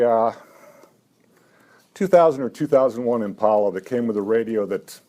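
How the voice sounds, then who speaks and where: At a live poetry reading, a poet in his seventies has a medium-pitched, dark-toned voice. He chats haltingly between pieces, full of "uh"s and wry jokes at his own expense, then raises his voice to deliver each poem.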